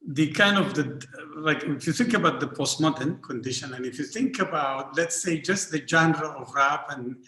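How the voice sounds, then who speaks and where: An art historian from Northern Sudan speaks on an academic panel, often halting with repeated fillers and restarts. His voice is a little high, bright and forceful, with a roomy echo in the recording.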